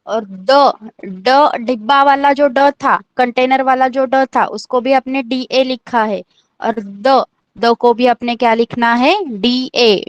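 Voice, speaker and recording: Woman, online language teacher, patient and repetitive, unhurried, dry close sound. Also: a little high, no room sound. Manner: patient, slow, repeats each letter and checks understanding.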